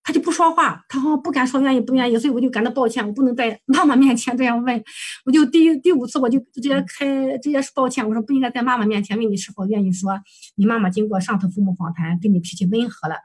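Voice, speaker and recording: A woman's voice: on the high side, quick pace, husky. A woman counselor presenting a client case for supervision, recounting session dialogue hesitantly with many fillers and self-corrections.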